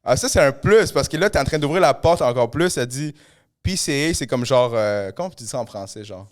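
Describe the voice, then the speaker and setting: A man's voice: medium pitch, animated, fairly quick. Laid-back slangy man. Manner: laid-back, slangy, drops English words. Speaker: podcast host. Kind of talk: casual podcast chat.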